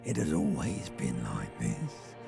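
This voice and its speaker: An actor in a video game playing a sly, coaxing, ancient reptilian inner voice with a gravelly rasp. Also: male voice, a bass voice, big pitch swings, slow pace, heavily acted. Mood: coaxing, ominous. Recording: music under the voice.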